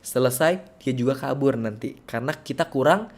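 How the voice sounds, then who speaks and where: A bored, droning storyteller, as a man puts him on, reading a children's tale. The voice is low, quiet and flat, with almost no rise or fall. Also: normal speed. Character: dull, monotone storyteller who bores children.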